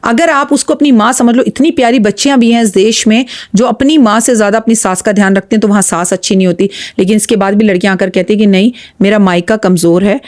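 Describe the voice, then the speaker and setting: A woman's voice: medium pitch, fast, hardly any pauses, a little mellow. A woman astrologer giving blunt, emphatic advice as a guest on a podcast interview. She often retells stories with quoted dialogue.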